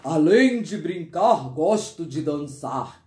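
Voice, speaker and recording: A woman's voice: animated, slow, a little mellow. A woman doing a sly, creepy coaxing man. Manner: low, coaxing murmur. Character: sly, sweet-talking grown man, creepy. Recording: roomy echo.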